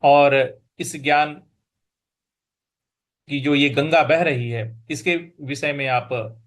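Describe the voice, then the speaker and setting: A man teaching Sanskrit verse recitation, sounding out each word slowly and chanting lines in a sing-song. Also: a little high, fairly even intonation. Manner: slow, deliberate, repeats each word and sounds it out. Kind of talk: recitation and pronunciation lesson.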